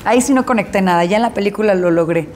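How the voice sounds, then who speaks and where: A woman actress recounting an experience in an interview, lively and acting out the dialogue in her story. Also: mid-range voice, racing, background noise.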